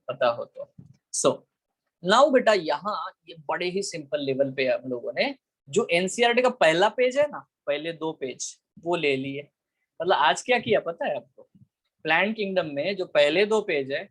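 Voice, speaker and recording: A man's voice: on the high side, fairly bright tone, breathy edge, low-quality recording. A man teaching a biology class online, switching between Hindi and English with an Indian accent, calling students "beta" and often checking that they follow. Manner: asks the class frequent check questions.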